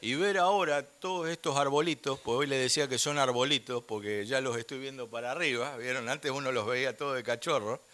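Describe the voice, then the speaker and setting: An older man with an Argentine accent preaching a sermon in church, swinging from loud emphasis down to near-whispers. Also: mid-range voice, brisk, few pauses. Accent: Argentine Spanish. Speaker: guest preacher.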